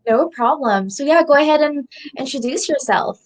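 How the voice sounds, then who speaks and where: A woman's voice: high-pitched, expressive, moderate pace, poor audio. A woman hosting a casual online video interview, upbeat and enthusiastic. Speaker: interview host.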